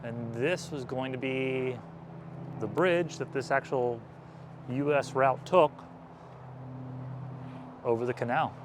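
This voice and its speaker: A man hosting an on-location vlog, explaining things casually as a guide outdoors on a trail, with a steady drone of traffic. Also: medium pitch, slow, pauses often. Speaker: vlog host and explorer guide.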